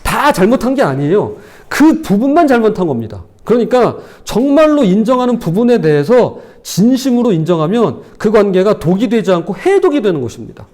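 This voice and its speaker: Male pastor, sermon delivery; high-pitched and very animated, plays out spouses' quarrels. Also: brisk.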